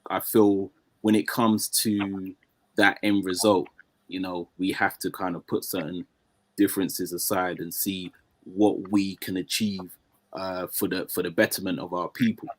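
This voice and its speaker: A man's voice: low-pitched, level tone, measured pace, dry recording. A man speaking as a guest in a casual conversation, with many fillers and restarts.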